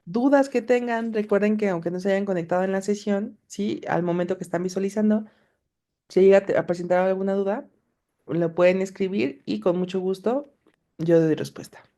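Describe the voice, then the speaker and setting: A woman with a soft, mellow, medium-pitched voice teaches a recorded online class at a fairly quick pace, using a screen demo. She patiently explains each step and addresses her students directly.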